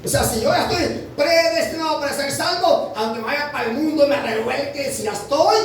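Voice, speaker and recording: High-voiced preacher in an echoey hall. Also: male voice, moderate pace, recorded from a distance, slight background noise. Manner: emphatic, rhetorical questions, addresses listeners as brother. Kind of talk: sermon.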